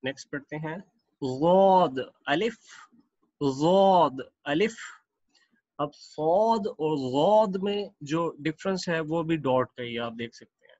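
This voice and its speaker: A man teaching Quran reading, explaining Arabic letters with English words mixed in and repeating each letter pair slowly and at length. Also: a little high, animated, darkish tone, no echo, lo-fi sound.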